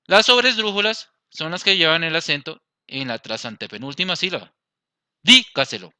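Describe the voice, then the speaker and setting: A man's voice: fairly high pitch, big pitch swings, fairly quick, bright, forceful tone, smooth, dry recording, studio quality. A man with a Colombian accent teaching a Spanish grammar lesson, explaining step by step and checking in with his class. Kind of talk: grammar lesson over slides.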